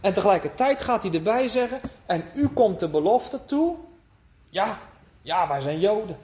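A man with a notably high voice preaching a sermon. He talks earnestly, lifting his voice for calls and sinking to soft, tender phrases, and he often asks his listeners questions. His wording is old-fashioned and biblical. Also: lively intonation, normal speed. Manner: earnest, swinging between emphatic raised lines and hushed tender phrases.

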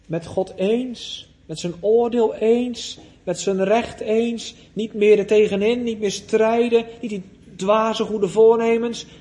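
Slow, high-pitched, emphatic male preacher. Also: fairly even intonation. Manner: emphatic, with big swings in loudness and pitch; rhetorical questions with tag "hè". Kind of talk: sermon.

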